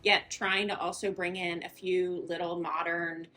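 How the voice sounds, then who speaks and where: A woman's voice: on the low side, little pitch movement, unhurried, sharp tone. A woman giving casual, conversational answers as a homeowner in an interview.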